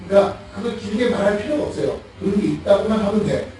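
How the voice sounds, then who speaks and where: A man's voice: high voice, fast talker, faint music behind. A man preaching a sermon as pastor, asking the congregation questions and laughing as he acts things out. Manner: animated, asks the congregation questions, laughs while mimicking. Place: church sanctuary. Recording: echoey church hall, mic far off.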